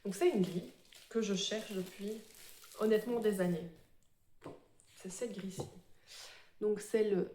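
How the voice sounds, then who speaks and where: Woman, casual vlog chat, hesitant fillers, self-corrections, warm mellow tone, roomy sound. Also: mid-range voice, fairly even intonation, a little slow, pauses often, a little hiss or hum. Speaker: cross-stitch vlogger. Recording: echoey room.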